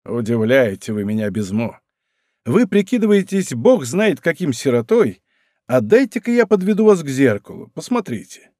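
A man voicing a bold, teasing musketeer captain who talks in a brisk, rough-affectionate way. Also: mid-range voice, very animated, a little mellow, no echo, clean studio sound, lightly acted. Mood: bantering.

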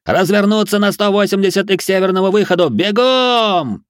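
A man voicing an exhausted young militiaman who shouts gruff orders. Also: on the high side, lively intonation, moderate pace, no room sound, clean studio sound, pitched above the performer's own voice. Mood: commanding.

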